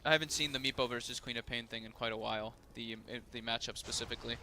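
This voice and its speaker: A man giving analytical esports color commentary, talking fast with many fillers like "like" and "you know". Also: medium pitch, steady tone, pushed and bright, slight background noise.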